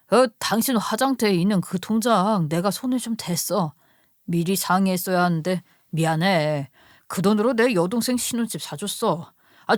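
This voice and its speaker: A woman's voice: mid-range voice, dry recording, studio quality, natural voice. A woman voicing a sheepish, apologetic middle-aged husband who pleads and wheedles in a storybook radio tale.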